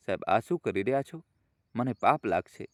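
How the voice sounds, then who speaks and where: Figure: timid young woman, a household maid. Performer: a man doing her in an everyday voice. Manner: hesitant, deferential. Pitch: mid. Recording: dry. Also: lively intonation, fairly quick, no room sound, close to an everyday voice. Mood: flustered.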